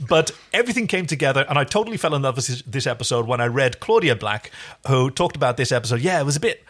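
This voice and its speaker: A podcast co-host with a mid-range, fairly bright voice chats casually and enthusiastically in an episode review. He talks quickly with lively intonation, often breaking off and restarting his thoughts.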